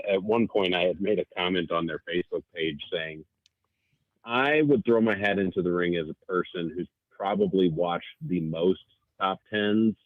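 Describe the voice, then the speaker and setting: A man's voice: deep voice, no echo. A man in his forties calling in, chatting casually and rambling with lots of fillers over a phone line. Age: 40s. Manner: rambling, hesitant with many fillers. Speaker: caller. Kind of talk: casual chat.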